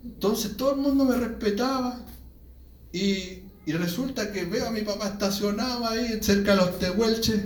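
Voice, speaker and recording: Chilean preacher, high voice, earnest testimony sermon, recorded far off in an echoey room with faint ambience. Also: male voice, normal speed, slight background noise. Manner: earnest, addresses listeners as brother.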